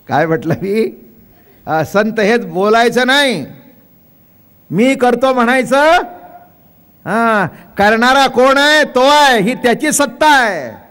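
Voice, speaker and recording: An older man preaching a Marathi kirtan, telling homely stories and acting out family voices. He quotes verses in a chanting lilt and puts questions to the audience. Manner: asks the audience questions and drops to a soft, low voice when explaining. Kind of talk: devotional kirtan discourse.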